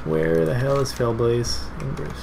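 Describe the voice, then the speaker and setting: A man livestreaming a game in casual, rambling and halting chat. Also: mid-range voice, gravelly. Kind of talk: casual stream chat over gameplay. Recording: game music, fan noise behind. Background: game music and a fan.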